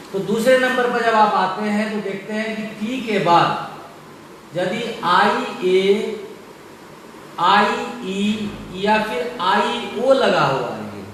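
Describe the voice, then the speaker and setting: Slow, emphatic male teacher in echoey room. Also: sits high, fairly bright tone, a little hiss or hum. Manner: slow, emphatic, repeats each rule. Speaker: English teacher. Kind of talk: classroom-style pronunciation lesson. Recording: far from the mic in a very echoey room, faint ambience.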